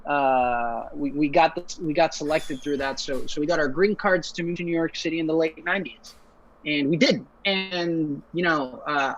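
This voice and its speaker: Earnest young man on a muffled call. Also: fairly high pitch. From Ecuador, raised in Puerto Rico. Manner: earnest, relaxed, with frequent fillers and restarts. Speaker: engineer, guest speaker. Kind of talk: casual webinar talk. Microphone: video call. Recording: muffled video-call audio.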